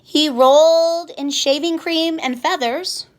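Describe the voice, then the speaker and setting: A woman reading a children's picture book aloud, slow and expressive. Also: sits high. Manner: slow, expressive, sing-song. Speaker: storyteller.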